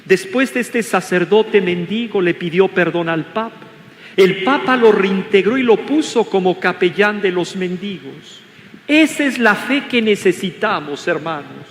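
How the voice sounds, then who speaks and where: A man's voice: high voice, lively intonation, a little slow, slight background noise. An older man with a Mexican Spanish accent preaching a sermon as bishop, asking rhetorical questions and leading the congregation in call-and-response. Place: large cathedral. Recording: echoey cathedral with long reverb.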